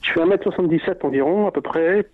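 A man's voice: high voice, no echo. Hesitant forties man on a phone line. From France, of Algerian descent. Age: 40s. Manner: hesitant, halting, many fillers. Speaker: caller. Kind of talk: phone-in conversation. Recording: tinny phone line with faint music.

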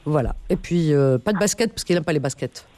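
A woman's voice: sits low, expressive, brisk, darkish tone, no echo. A woman hosting a call-in radio show, chatting casually and teasing her caller with lots of fillers. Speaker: radio host.

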